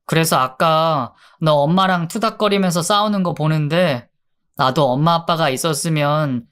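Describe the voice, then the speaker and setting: A woman voicing an awkward young man in a storybook radio drama, dropping to a lower, softer voice. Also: normal speed. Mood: wistful. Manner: lower, softer voice than her narration.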